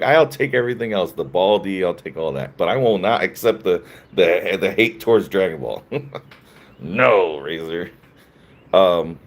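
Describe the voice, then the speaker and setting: A sleepy man hosting a live stream, reading chat and riffing casually, laughing often between jokes. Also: on the low side. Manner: laughs often, loose and joking, answers chat. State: sleepy, yawning. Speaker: livestream host reading chat.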